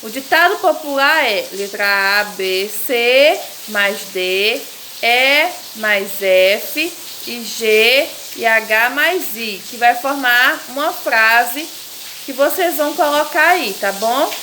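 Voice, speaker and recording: A Brazilian woman teaching a lesson at a very unhurried pace, her voice bright and slightly high. She patiently sounds out words syllable by syllable, with a faint hiss under the recording. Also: lively intonation. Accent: Brazilian Portuguese. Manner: patient, repeats words slowly to stress syllables.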